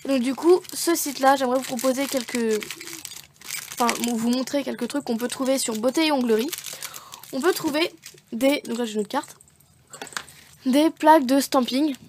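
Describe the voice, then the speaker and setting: Chatty high-voiced woman vlogging. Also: moderate pace, pauses often, darkish tone, a little hiss or hum. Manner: chatty, rambling, self-correcting with many fillers. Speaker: beauty vlogger showing craft supplies. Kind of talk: casual unboxing chat.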